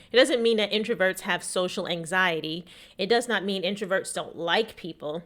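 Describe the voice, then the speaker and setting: A woman with a lowish, slightly bright voice hosts a casual explanatory talk as a small business technology educator. A lingering cough leaves her voice a little shaky, and she makes her points emphatically, full of opinion.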